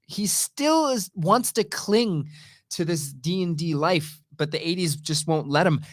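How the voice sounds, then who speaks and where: A middle-aged man co-hosting a podcast in casual chat, animated and jokey. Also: fairly high pitch, a little slow, no echo, clean studio sound. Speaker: podcast co-host.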